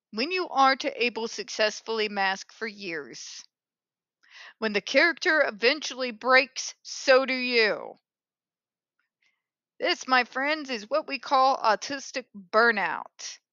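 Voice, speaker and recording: A woman's voice: on the high side, expressive, slow pace, bright, forceful tone, no room sound, lo-fi sound. A woman hosting an opinionated commentary show in a polished call-center phone voice, speaking in a blunt, sarcastic, emphatic way. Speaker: host of an advocacy commentary show.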